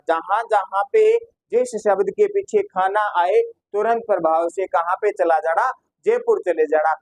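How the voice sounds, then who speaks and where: A man's voice: high voice, no room sound, low-quality recording. A man with a Rajasthani accent teaching an exam-prep class, who keeps asking his students questions and answering them himself, slipping into local dialect phrases. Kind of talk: classroom lecture.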